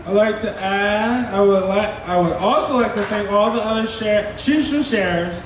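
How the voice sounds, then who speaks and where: Male emcee, American, very high voice, halting formal read; distant in an echoey, noisy room. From Maryland, United States. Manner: halting, formal delivery in short phrases. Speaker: athlete emcee at a fundraiser. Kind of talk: prepared speech read aloud. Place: echoey indoor event room.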